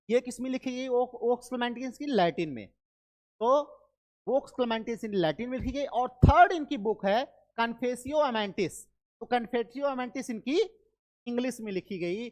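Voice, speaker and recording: An Indian woman teaching literature for exams, mixing Hindi with English terms and drilling facts through repetition and quick quiz questions. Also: on the high side. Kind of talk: online exam-prep lecture.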